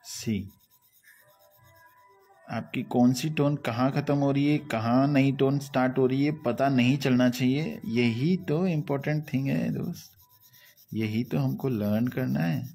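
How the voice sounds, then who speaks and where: A man's voice: medium pitch, a little slow, gravelly, warm tone. A man teaching a live online drawing lesson, who explains patiently, repeats his phrases and keeps asking viewers "right?", with faint music in the background.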